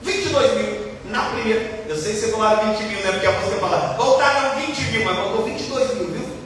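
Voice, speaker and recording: A man preaching a lively sermon as a pastor, asking the crowd questions and acting out quotes. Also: sits high, a little fast, slight background noise. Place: church hall. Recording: echoey hall from far off, faint ambience.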